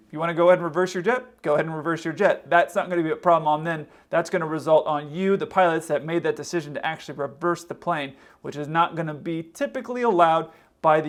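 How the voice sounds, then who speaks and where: Guy with a slightly high voice casually explaining stuff, chatty, quotes what people would say. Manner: conversational, acts out hypothetical quotes. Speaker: host, pilot commentator.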